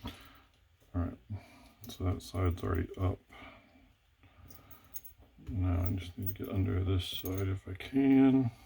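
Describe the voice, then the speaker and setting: A man's voice: low voice, slow pace, vocal fry, long pauses, mellow, husky. A man thinking aloud as he works through a lock-picking task, hesitant and correcting himself as he goes. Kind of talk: thinking aloud while working.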